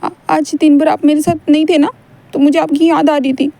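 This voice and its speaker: A clingy little boy, teary and stammering, played by a woman telling a fan story. His voice sits very high and has a mellow softness. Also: flat delivery, moderate pace. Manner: sobbing, stammering protests.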